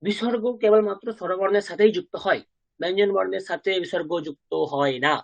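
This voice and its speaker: A man teaching a Sanskrit class. He asks the learners questions, then says each pronunciation slowly and repeats it several times. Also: high voice, creaky. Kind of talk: language class lesson.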